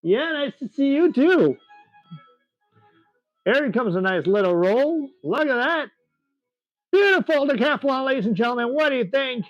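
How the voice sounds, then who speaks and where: Excitable high-voiced man commentating an air show. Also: measured pace, long pauses, no room sound, lo-fi sound, soft background music. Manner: excitable, chatty, laughs often.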